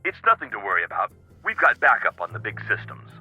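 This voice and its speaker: A man's voice: on the low side, huge pitch swings, quick pace, breathy edge, faint music behind, full character voice. An actor playing a busy, confiding male scientist in a video game, matter-of-fact, in dull-sounding audio. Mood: casual, reassuring.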